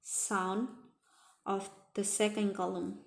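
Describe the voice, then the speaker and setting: A woman teaching a language lesson, explaining sounds patiently and repeating examples slowly. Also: mid-range voice, level tone, vocal fry, roomy sound. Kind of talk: slow spoken language lesson.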